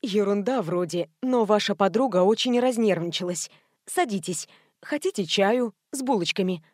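A woman voicing a friendly, amused pastry chef who explains things calmly and matter-of-factly. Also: medium pitch, moderate pace, dry recording, studio quality, close to an everyday voice. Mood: calm explaining.

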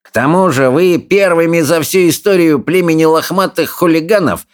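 A cocky Viking bully boy jeers and hisses threats in a storybook, put on by a male narrator. The voice sits much higher than the reader's own and drips with mockery. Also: moderate pace, lightly acted. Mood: mocking. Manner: mocking, hissing threats. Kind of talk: audiobook character voice.

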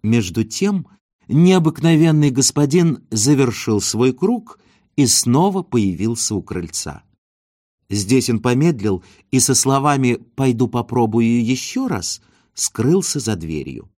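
A man reading an audiobook aloud in an expressive storytelling style. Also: medium pitch, measured pace, no room sound, clean studio sound. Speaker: audiobook reader. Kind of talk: audiobook narration.

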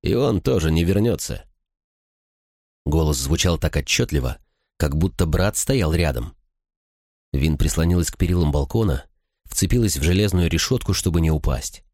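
A man narrating an audiobook in an expressive storytelling manner. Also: very deep voice, normal speed, no room sound, studio quality. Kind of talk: scripted narration.

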